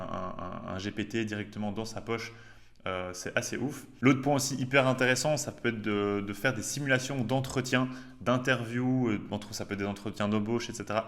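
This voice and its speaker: A man hosting a casual tech demo, talking in a relaxed, chatty way with slang and frequent hesitations. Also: lowish voice. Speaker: host.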